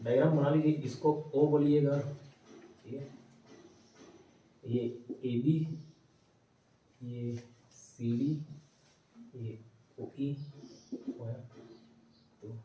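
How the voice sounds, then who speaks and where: A man teaching a maths class, slowly dictating theorems and repeating each phrase for students to write down. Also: medium pitch, steady tone, warm tone, slight background noise. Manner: slow repeated dictation, mixing Hindi with English terms. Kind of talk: classroom lecture, dictating notes. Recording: echoey room, voice from a distance.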